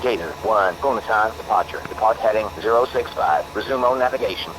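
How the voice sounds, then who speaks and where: A terse controller over a radio. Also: male voice, fairly low pitch, fairly quick. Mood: clipped. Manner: clipped radio phrasing. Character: terse male air traffic controller and pilot. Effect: over a military aircraft radio. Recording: noisy in-game radio audio.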